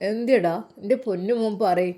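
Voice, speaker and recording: A woman doing a soft elderly mother. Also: medium pitch, moderate pace, natural voice. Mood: caring. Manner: soft, tender, comforting. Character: gentle elderly widowed mother, pious and loving.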